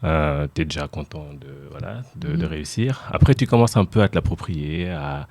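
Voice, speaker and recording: A man raised in France, a bar owner talking as a podcast guest in a casual, halting way with many repeated words. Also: very deep voice, darkish tone, slight background noise.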